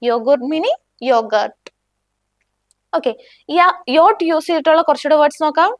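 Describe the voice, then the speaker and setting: Woman teaching german, says every word twice real slow and clear. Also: sits high, expressive, no room sound. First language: Malayalam. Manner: slow, clear, repeats each word for the learner. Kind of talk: beginner language lesson.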